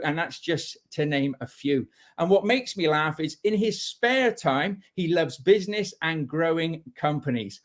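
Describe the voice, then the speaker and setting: A man's voice: fairly high pitch, a little mellow. A man hosting a podcast interview, introducing his guest with effusive, enthusiastic praise. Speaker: podcast host. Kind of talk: casual interview.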